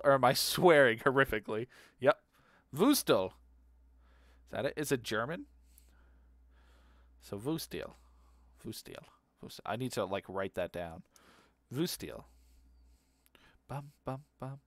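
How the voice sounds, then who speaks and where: A man's voice: medium pitch, no echo. A man chatting casually while he streams a game, rambling, laughing easily and humming to himself. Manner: rambling and easily amused, repeats words aloud, hums to himself.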